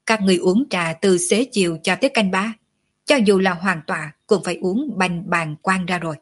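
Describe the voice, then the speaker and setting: Woman reading a martial arts audiobook, steady delivery, low and husky. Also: normal speed. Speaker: narrator.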